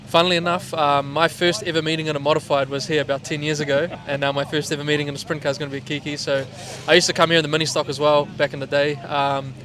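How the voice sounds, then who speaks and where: This Kiwi driver talks fast with few pauses, his voice on the high side, a bit bright and with little pitch movement. The interview is relaxed and full of slang, recorded trackside at an outdoor speedway with vehicle noise behind him.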